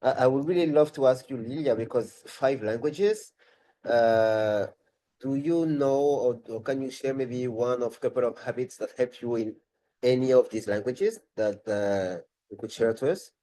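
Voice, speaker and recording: A man's voice: mid-range voice, a little slow, warm tone, low-quality recording. A man with a French accent, a language tutor talking in a live webinar, thinking aloud and rephrasing as he goes.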